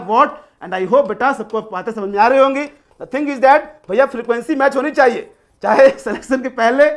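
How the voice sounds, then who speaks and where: A man teaching a live online class, coaxing and repetitive, freely mixing English phrases into his explanations. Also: very high voice. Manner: coaxing, repetitive, mixes English phrases, calls students "beta". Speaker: online tutor.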